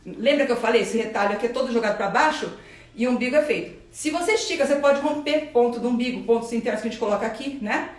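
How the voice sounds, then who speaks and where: A Brazilian woman surgeon with a bright, fairly high voice, answering live-stream questions in a quick, eager rush. She explains while pointing at the body and drawing. The sound is roomy and echoey, as if she sits back from the phone mic. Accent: Brazilian Portuguese. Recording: roomy echo, voice a bit far from the mic.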